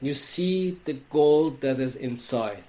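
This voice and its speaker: A man from Iran with an Iranian accent, a wellness coach speaking as a podcast guest, talking in a slow, reflective way with frequent restarts. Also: mid-range voice, lively intonation, dark tone. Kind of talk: reflective interview talk.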